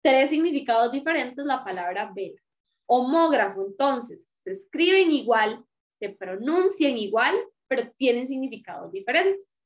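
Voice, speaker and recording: High-voiced woman teaching. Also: expressive, normal speed, lo-fi sound. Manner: patient explanatory teaching, frequent "¿verdad?" checks. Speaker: Spanish teacher. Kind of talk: recorded class lecture.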